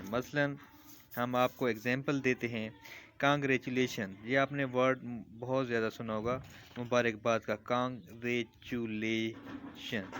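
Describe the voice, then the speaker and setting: Male teacher, mid pitch, patient classroom delivery, faint noise. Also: fairly bright tone. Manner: patient, repeats examples slowly. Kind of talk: classroom lesson explanation.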